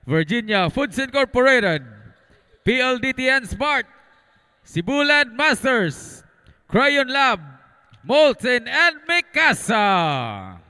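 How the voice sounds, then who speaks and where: A man with a Filipino accent working as an arena announcer, introducing teams and players in a projected, drawn-out stadium style. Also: extremely high pitch, very animated, pushed and bright, clean tone, big-room sound.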